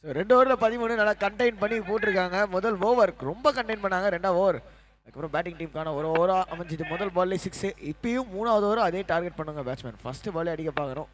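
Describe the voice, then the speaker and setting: A man's voice: high voice, fast talker, fairly bright tone. A man giving live cricket commentary, calling scores steadily and mixing in English words.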